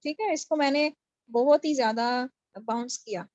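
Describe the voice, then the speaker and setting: A woman's voice: high-pitched, a little mellow, no room sound, lo-fi sound. A woman teaching Quran recitation in an online class, explaining patiently and checking her students follow. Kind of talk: online tajweed lesson. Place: home, on a video call. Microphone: video call mic.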